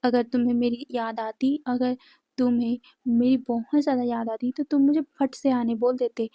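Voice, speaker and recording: A woman's voice: a little high, level tone, moderate pace, mellow, no room sound, natural voice. A woman reading a coaxing, pouty young man in a storybook fan tale. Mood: pleading, pouting. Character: young man pleading with his lover.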